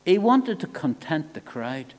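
A man with a notably high voice preaching an evangelistic sermon, his words ringing out with a long church-hall reverb. He speaks earnestly, dropping into quiet, low asides and then rising into loud, pressing appeals to the congregation. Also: big pitch swings, unhurried.

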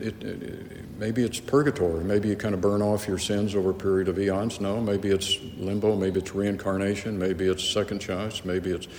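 A man's voice: fairly low pitch, a little mellow, a little hiss or hum. A male pastor giving an earnest, emphatic expository Bible teaching, often repeating words as he restarts. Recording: echoey hall with faint ambience.

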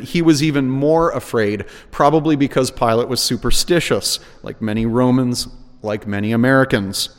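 A man preaching an expository sermon, reading scripture verses aloud with emphatic quotes and then explaining them. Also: medium pitch. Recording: reverberant hall.

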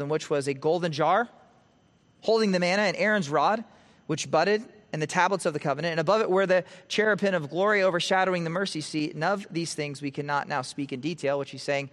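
A man preaching an expository sermon from the pulpit, swelling with emphasis and dropping quiet at the ends of phrases. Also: a little high, brisk, in a large hall. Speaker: pastor. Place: church sanctuary.

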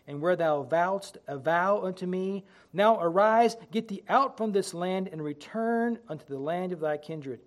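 High-pitched male preacher delivering a sermon. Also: a little mellow. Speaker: pastor preaching to a congregation. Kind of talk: sermon with King James scripture reading.

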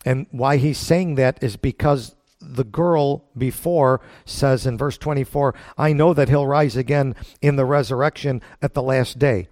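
A man preaching a Bible-teaching sermon in a folksy, plain-spoken way, emphatic, with deliberate pauses and rhetorical questions. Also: medium pitch, a little mellow, dry recording, clean studio sound.

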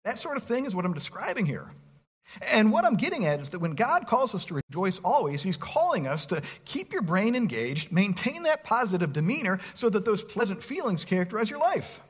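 A man preaching with a husky, slightly raised voice. He reads verses aloud and asks the listeners questions, his pitch leaping high and dropping low as he presses each point. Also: sing-song, brisk. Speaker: pastor. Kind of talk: sermon.

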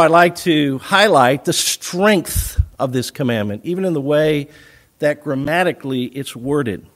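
Man, pastor, sermon, somewhat high voice, measured teaching delivery, slows for emphasis.

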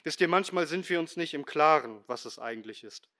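Middle-aged male pastor, sermon delivery, bright ringing tone, emphatic with hushed low drops. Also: expressive, fairly quick. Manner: emphatic preaching, swinging between loud stresses and quiet low asides.

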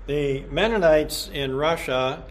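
A man's voice: a little high, slow, slight background noise. A middle-aged man, a pastor, teaching a Bible study sermon in a church in an earnest, plainspoken way.

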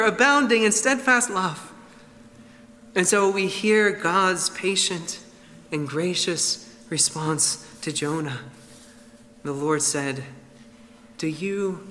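A man's voice: high voice, pushed and bright, big-room sound. A man preaching an expository sermon in an earnest, emphatic way.

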